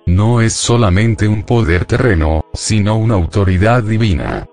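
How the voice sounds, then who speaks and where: A man reading a scripted religious reflection in a measured, declarative way. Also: fairly low pitch, lively intonation, a little mellow, soft background music.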